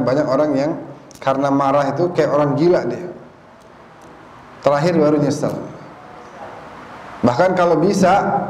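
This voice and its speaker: A man's voice: a little high, slight background noise. A man giving a storytelling sermon at a mosque study session, acting out characters and quoting Arabic. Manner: lively storyteller, acts out quoted characters, quotes Arabic. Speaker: religious teacher. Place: mosque hall. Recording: echoey hall with faint ambience.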